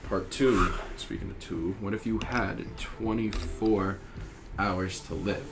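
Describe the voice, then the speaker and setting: A man's voice: fairly low pitch, fairly even intonation, slow pace, reverberant, music in the background. A man co-hosting a casual podcast, laid-back and rambling, cursing and laughing often. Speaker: podcast co-host. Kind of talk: casual chat.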